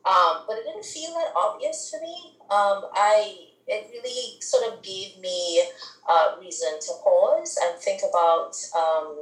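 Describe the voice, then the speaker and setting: A middle-aged woman from Trinidad, a philosophy professor, talks reflectively in an interview, with many pauses and restarts. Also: mid-range voice, echoey room, rough recording. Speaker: guest author, philosophy professor. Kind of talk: academic interview conversation.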